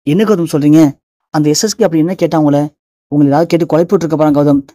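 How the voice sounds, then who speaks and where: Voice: medium pitch, racing, warm tone, no echo, natural voice. A narrator voicing a caring young wife who anxiously soothes her husband. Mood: soothing.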